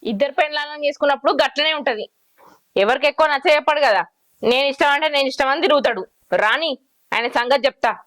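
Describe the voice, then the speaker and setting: A woman plays a combative village wife, quick and biting. Her voice is high and fast, with a dry, close sound. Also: a bit bright, dry recording. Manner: combative, sarcastic. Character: defiant sharp-tongued village wife, one of two. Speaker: actor in a village comedy short.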